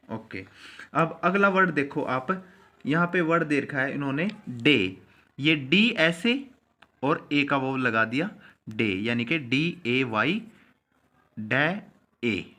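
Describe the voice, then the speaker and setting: A man teaching a shorthand class, slowly repeating each step and checking in with the students. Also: medium pitch, bright, forceful tone. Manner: slow, repeats each step aloud, often says "theek hai". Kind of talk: classroom lesson.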